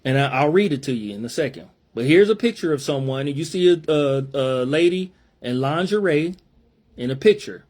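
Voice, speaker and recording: A man's voice: on the high side, animated, normal speed, a little mellow. A man reading out messages and commenting on them emphatically, repeating his points in casual slang. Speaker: religious commentator.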